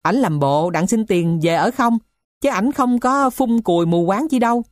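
A woman's voice: medium pitch, expressive, normal speed, no room sound, clean studio sound, voice pushed up, lightly acted. A woman voicing a bold, scrappy boy who talks back hotly. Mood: defiant. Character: bold scrappy street boy, defiant and cheeky.

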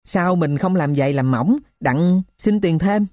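A woman's voice: lowish voice, animated, unhurried, darkish tone, no room sound, clean studio sound. A woman voicing the thief's poor wife, who questions and scolds him. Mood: scolding.

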